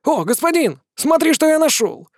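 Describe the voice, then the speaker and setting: A man voicing an excitable male demon servant who talks eagerly and fawns on his master. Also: high voice, moderate pace, dry recording, clean studio sound, pitched above the performer's own voice. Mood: excited. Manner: eager, storytelling, fawning.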